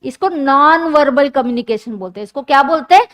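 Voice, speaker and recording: Lecturer, female, high-pitched, mixes Hindi and English, quizzes the class and answers herself. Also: lively intonation, brisk, fairly bright tone. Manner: mixes Hindi and English, asks students questions and answers them. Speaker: teacher.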